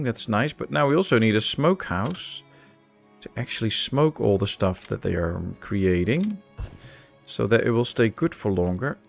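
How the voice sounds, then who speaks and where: A man's voice: on the low side, gravelly. A man hosting a let's play, casually commentating his gameplay and thinking aloud as he plans each step.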